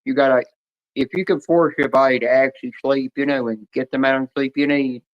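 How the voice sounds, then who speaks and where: A man's voice: mid-range voice, fairly even intonation, brisk. A man chatting casually on a stream, rambling through long stories. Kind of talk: casual chat. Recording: dull lo-fi stream audio.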